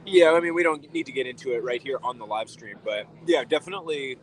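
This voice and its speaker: A man's voice: medium pitch, lively intonation, fast, rough recording. A man live-streaming outdoors, answering his chat in a casual, hesitant way and often rephrasing himself. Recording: crowd noise behind. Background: crowd chatter.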